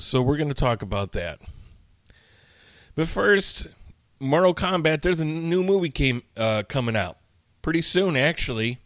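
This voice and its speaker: This podcast host's mid-range voice has a fairly bright tone and a slight nasality, captured dry on a studio mic. Tired from recovering after being sick, he rants alone in a chatty, meandering way packed with fillers and restarts.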